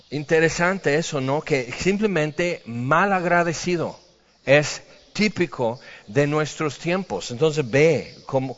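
A man's voice: fairly high pitch, fairly bright tone. A man preaching a sermon in a conversational way, acting out the voices he quotes. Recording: dull recording with long hall reverb.

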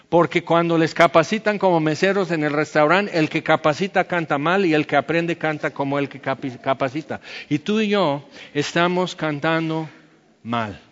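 A man's voice: on the high side, fairly bright tone, in a large hall, dull audio. A man preaching a sermon, breaking into sung hymn phrases to make his point and ending in prayer. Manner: slow, sings phrases of hymns to illustrate. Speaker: pastor.

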